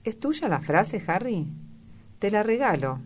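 Brief: a woman doing a sparring, teasing duchess in a storybook reading; lifts her voice higher for the retorts. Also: very animated, a little slow, noisy background. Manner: playful, sparring. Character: quick-witted young English duchess, teasing.

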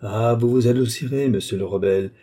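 A man's voice: mid-range voice, fairly quick, warm tone, close to an everyday voice. Man putting on a mocking court lady. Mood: stern. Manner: teasing, condescending. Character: mocking young court woman, teasing and commanding. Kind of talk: audiobook character reading.

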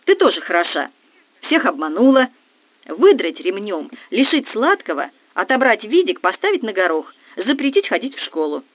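Brief: reader doing a furious stout colonel yelling orders, lively pitch, phone-thin sound. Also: moderate pace, no echo. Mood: shouting. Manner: barking orders. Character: loud stout male police colonel, hot-tempered. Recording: dry, tinny phone-like audio.

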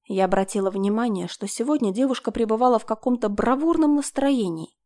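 A woman reading a first-person crime story aloud in an even, measured way. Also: fairly high pitch. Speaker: narrator.

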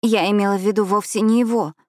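A woman's voice: mid-range voice, steady tone, quick pace, a little mellow, no echo, clean studio sound, voice pushed up, natural voice. A woman voicing a timid, guilt-ridden young woman who pleads and apologizes in an audiobook. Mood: defensive. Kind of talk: audiobook character voice.

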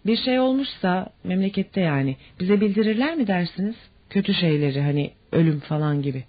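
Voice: mid-range voice, lively intonation, fairly quick, lightly acted. A reader voicing a nervous, homesick young male army lieutenant who talks in a strained, emotional way. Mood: anxious. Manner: strained and emotional, rising to angry shouts. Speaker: fictional character. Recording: dull lo-fi audiobook recording.

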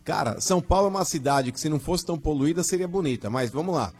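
A man's voice: fairly high pitch, lively intonation, quick pace, darkish tone, slightly rough. A Brazilian man hosting a radio show, giving blunt, jokey opinions in casual chat. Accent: Brazilian Portuguese. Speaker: radio host.

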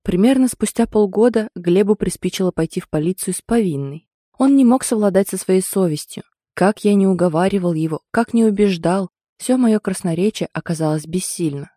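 Woman reading stern older brother, firm orders, dark voice, dry sound. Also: mid-range voice, a little fast, no echo, natural voice. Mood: bitter. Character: stern commanding man, protective older brother.

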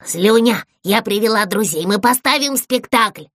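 A woman voicing a bold, cheeky little female doll who speaks briskly and defiantly. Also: medium pitch, animated, a bit bright, no echo, studio quality.

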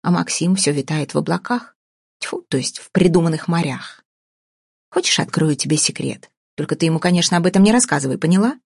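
A woman reading an audiobook voices a domineering, sarcastic older businesswoman who talks slowly and deliberately, with a husky tone. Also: low voice, darkish tone, no echo, studio quality, heavily acted. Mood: scheming. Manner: cutting, sarcastic, slow deliberate delivery.

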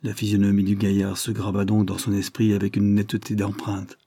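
A man reading a storybook aloud in a steady, even narration. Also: on the low side, brisk, breathy edge, no echo, clean studio sound. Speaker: audiobook reader.

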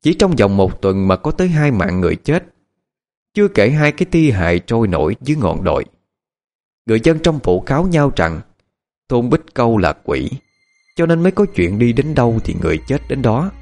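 A man narrating a ghost story as an audiobook, in an expressive, measured storytelling manner. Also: medium pitch.

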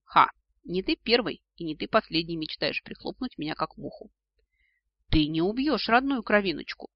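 Sharp-tongued young heroine voiced by a man, bright and lively, lo-fi dry recording. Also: high-pitched, normal speed, no echo. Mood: cheeky. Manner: teasing, cheeky retorts. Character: cheeky young woman, bold and sharp-tongued.

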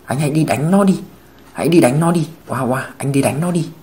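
A man's voice: fairly high pitch, brisk, mellow, a little hiss or hum, natural voice. A man doing a grief-crazed shrieking mother. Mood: venomous, hysterical. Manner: hysterical, venomous.

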